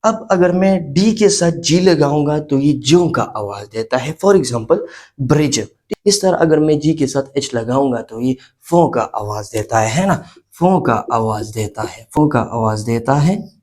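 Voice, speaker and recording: A man teaches a beginner English lesson about letters and sounds, explaining step by step, repeating key points, and posing questions he then answers himself. His voice is medium-pitched, animated, and darkish, at a measured pace, and he frequently tacks on checks like "okay" and "isn't it."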